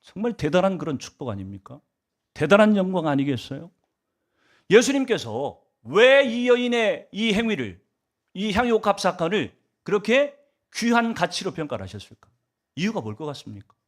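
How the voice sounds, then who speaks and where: A man's voice: sits high, very animated, moderate pace. A male pastor delivering a Sunday sermon, asking the congregation rhetorical questions and swinging his emphasis up and down.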